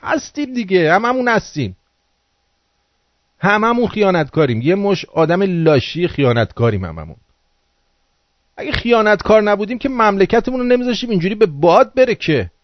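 A man's voice: high-pitched, big pitch swings, no room sound. A man hosting a radio call-in show, scolding his listeners in a crude, angry political rant. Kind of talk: ranting political monologue. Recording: dull lo-fi dry sound.

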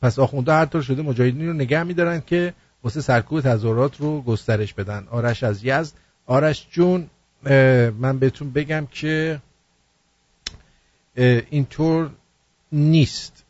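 A man's voice: medium pitch, a little mellow, dry recording, dull audio. A man hosting a satirical show, reading out messages and rhyming verse in a jokey, mocking way. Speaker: host.

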